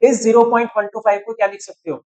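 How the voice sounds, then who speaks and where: A man's voice: high-pitched, quick pace, low-quality recording. Man teaching math step by step. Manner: steady explaining, checks in with students often. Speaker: chemistry teacher. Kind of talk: chalkboard-style math walkthrough.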